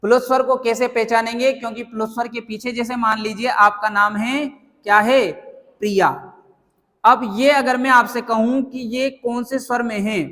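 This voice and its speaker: A man's voice: very high-pitched, fairly even intonation, normal speed, bright, forceful tone, long reverb tail. A man teaching a grammar lesson to a class, asking questions and answering them himself. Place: classroom with students.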